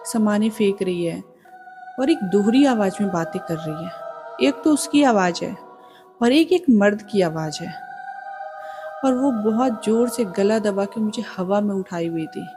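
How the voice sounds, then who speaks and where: A woman's voice: medium pitch, moderate pace, close to an everyday voice. Woman doing a scared, confused young husband. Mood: worried. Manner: pleading, bewildered. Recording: music playing behind the voice.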